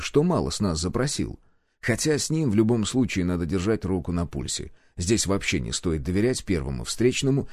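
A man's voice: on the low side, a little mellow, no room sound. A man reading a first-person audiobook in a wry, conversational way. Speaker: audiobook narrator. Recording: dry close-miked voice.

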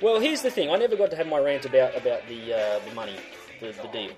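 A man co-hosting a sports podcast, ranting in a halting, casual way. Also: medium pitch, music in the background. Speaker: co-host.

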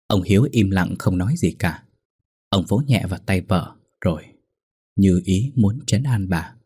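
A man with a husky, mellow, low voice narrates a ghost story steadily and somberly. His voice is dry and close, with faint music underneath. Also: no room sound.

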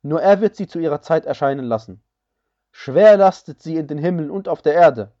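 A man reading a scripture translation aloud in a measured, solemn way, each phrase evenly paced. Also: on the high side, mellow, highs cut off.

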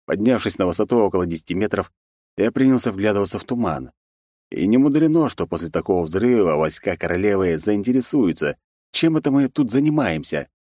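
A man narrating a first-person action audiobook in a measured, deadpan way. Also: fairly low pitch, no room sound, clean studio sound.

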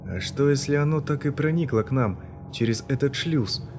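A man's voice: mid-range voice, expressive, moderate pace, over music, close to an everyday voice. A man voicing a nervous station crewman who speaks anxiously and calls out in alarm. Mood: uneasy.

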